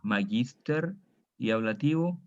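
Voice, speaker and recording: A man's voice: mid-range voice, expressive, slow, darkish tone. Guy teaching latin class, patient, goes case by case, checks in with students a lot, dull lo-fi audio. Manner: patient, drills students on declensions, frequent "¿ah?". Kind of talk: classroom grammar lesson. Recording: dull lo-fi recording.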